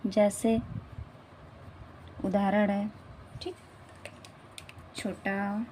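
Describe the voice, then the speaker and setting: A woman's voice: mid-range voice, little pitch movement, extremely slow, mellow, slight background noise. A woman teaching a grammar lesson, repeating herself and often checking that the class follows. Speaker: Hindi teacher.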